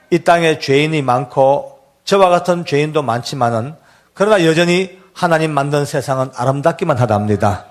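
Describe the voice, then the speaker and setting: A man voicing his young son, a calm condemned inmate who speaks tenderly to his father. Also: on the high side, lightly acted. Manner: gentle, tender pleading. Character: calm young male death-row inmate, devoted son.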